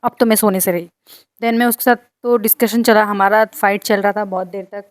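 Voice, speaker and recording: Woman, casual dramatic storytelling, indignant asides, middle pitch, dry close recording. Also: steady tone, moderate pace, no echo. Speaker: vlogger telling a personal story.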